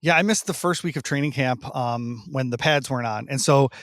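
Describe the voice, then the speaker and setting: A man's voice: mid-range voice, brisk, a bit bright, no room sound, clean studio sound. A man guesting on a sports podcast, explaining his view in casual chat, hedging often with "like.".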